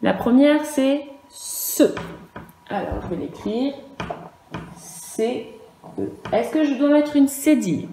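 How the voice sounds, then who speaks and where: A woman teaching a first-grade dictation lesson in a virtual class, speaking slowly and clearly and spelling out letters and sounds. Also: sits high, expressive, dark tone, echoey room, a little hiss or hum, poor audio.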